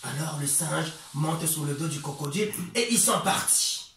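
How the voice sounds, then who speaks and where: A male storyteller telling a children's tale with a lively, bright voice that leaps in pitch. He stretches out repetitions and swings from loud to soft. He sounds far off in a very echoey room. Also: vocal fry, slight background noise. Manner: animated, drawn-out repetitions, big swings in loudness.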